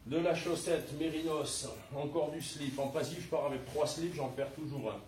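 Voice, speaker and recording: A man's voice: a little high, moderate pace, darkish tone. Older man, chatty gear demo, hesitant fillers, voice set back from the mic, faint noise behind. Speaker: pilgrim showing gear. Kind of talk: casual product demonstration. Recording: roomy and distant with faint background noise.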